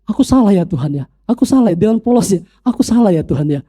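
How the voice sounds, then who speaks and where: A man's voice: high voice, lively intonation, fast talker, mellow, slightly rough, long reverb tail. A man doing a simple, earnest praying woman. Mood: pleading. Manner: plain, earnest pleading. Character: humble praying churchwoman, simple and sincere.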